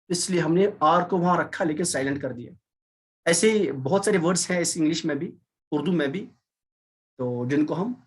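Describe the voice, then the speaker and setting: A man's voice: on the high side, slightly rough. A man gives an Arabic lesson over a video call. He explains patiently, repeats each key term and slips English words into his sentences. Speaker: Arabic teacher. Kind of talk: online class lecture.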